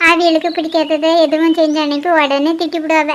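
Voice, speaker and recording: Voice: high voice, level tone, a little fast, a little hiss or hum, close to an everyday voice. Someone voicing a fretful young village girl. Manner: explaining, fretful.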